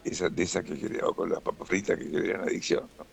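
A man's voice: sits low, fairly even intonation, fast talker, gravelly, slight background noise. A man with a Rioplatense Spanish accent, explaining things relaxedly as a doctor guest in a radio interview and often tagging "¿no?".

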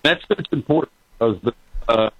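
A man calling in as a guest on a talk show, talking haltingly with "uh"s and restarts over a buzzy, glitchy phone connection that keeps breaking up. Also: mid-range voice, lively intonation, fairly bright tone, no echo. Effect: buzzy, glitchy phone call that breaks up. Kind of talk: opinionated talk-show commentary. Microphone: phone call. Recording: dry, tinny phone line.

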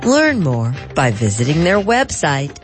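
A woman with a low, sing-song, somewhat slow voice hosts a food radio program over background music. As radio host and interviewer, she speaks effusively and emphatically across the food interview and scripted radio narration.

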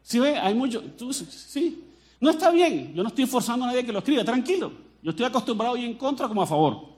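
A Colombian pastor with a high-pitched voice delivers a lively sermon. He jokes with the congregation and speaks to them directly, with an animated delivery. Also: fast talker. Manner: animated and joking, addresses the crowd directly.

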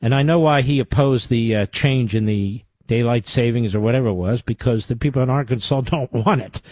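A man's voice: mid-range voice, fairly quick, dry recording. An older man hosting a call-in talk radio show, speaking emphatically and taking callers. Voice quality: emphatic, forceful delivery.

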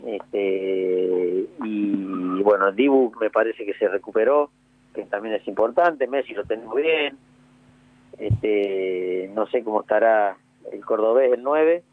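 A man's voice: fairly low pitch, takes it slowly, darkish tone, no echo. A man with an Argentine accent chatting casually on a phone call from home, repeating his words as he talks. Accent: Argentine Spanish. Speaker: guest. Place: at home by a grill.

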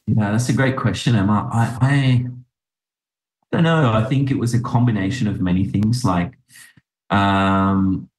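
A man's voice: on the low side, a little slow. A man in his thirties from Sri Lanka, a doctor and podcast guest, speaking reflectively in conversation. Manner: reflective, with many fillers and restarts. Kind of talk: interview conversation. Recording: roomy echo.

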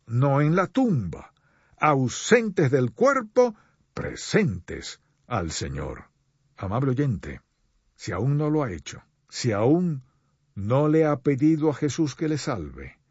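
A man preaching a sermon to radio listeners, earnest and pleading, with slow deliberate pauses. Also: mid-range voice, no room sound, dull audio.

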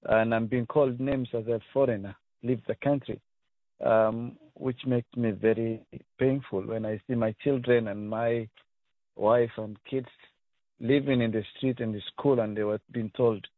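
A man's voice: mid-range voice, fairly even intonation, a little slow, no room sound. Male caller, earnest and plain, heard over a thin phone line. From Somalia. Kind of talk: radio call-in.

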